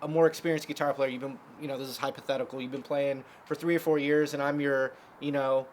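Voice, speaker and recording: A man's voice: mid-range voice, flat delivery, fast talker, a little hiss or hum. A man teaching a casual guitar lesson, explaining chords step by step with lots of fillers.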